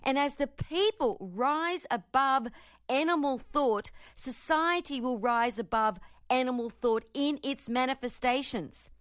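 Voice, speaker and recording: An earnest woman with a fairly high voice reads a spiritual text aloud and then comments on it as a teacher. She speaks with steady emphasis. The sound is dry and close. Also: measured pace, clean tone, dry recording.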